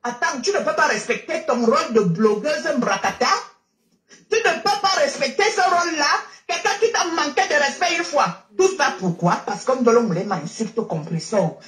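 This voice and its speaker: A woman's voice: sits high, animated, moderate pace, a bit bright, echoey room. Tearful woman ranting on a live stream. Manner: emotional, preachy, repeats herself. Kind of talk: impassioned live-stream rant. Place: in a car. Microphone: phone while driving.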